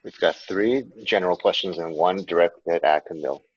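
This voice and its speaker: A man moderates a webinar over a video call and politely reads audience questions aloud. His voice is very low and husky. The line sounds dull, lo-fi and dry. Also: normal speed, no room sound.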